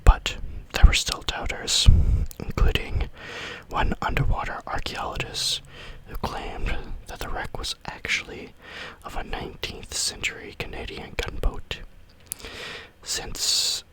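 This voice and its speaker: Male ASMR narrator for spooky tales: fully whispered, breathy, bright-edged, unhurried read. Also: rough recording. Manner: slow, deliberate read-aloud phrasing. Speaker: ASMR storyteller reading scary stories.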